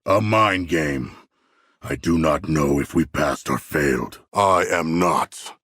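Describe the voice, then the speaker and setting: An actor playing a huge, proud but earnest and anxious shark demigod in a video game, speaking in formal, stilted, literal-minded phrases. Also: male voice, very deep voice, slow pace, fairly bright tone, slightly rough, no echo, clean studio sound, exaggerated voice. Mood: solemn, earnest. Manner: formal, stilted, solemn phrasing with few contractions. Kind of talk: video game character dialogue.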